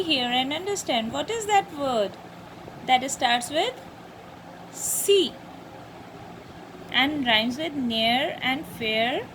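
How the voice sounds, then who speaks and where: A woman teaching a lesson to young children, slowly repeating and spelling out words. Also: high voice, fairly bright tone, slight background noise, rough recording.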